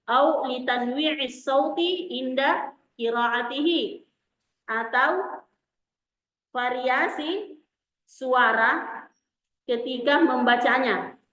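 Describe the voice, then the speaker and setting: Woman teacher giving a slow, patient lecture in a roomy space. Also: sits high, fairly bright tone. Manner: slow and explanatory, repeating terms. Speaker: Arabic teacher. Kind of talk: classroom lecture. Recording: echoey room, dull lo-fi sound.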